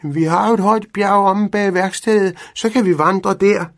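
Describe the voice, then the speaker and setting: A man voicing an eager, cheeky young male cat in a storybook reading, in a raspy, high, excited voice. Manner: excited, quick questions.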